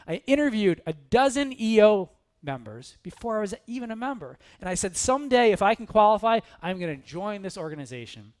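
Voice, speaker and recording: Guy giving a motivational talk onstage, high voice that swoops up and down a lot, dramatic storyteller acting stuff out. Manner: animated, dramatic, acts out scenes. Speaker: keynote speaker. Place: stage before an audience.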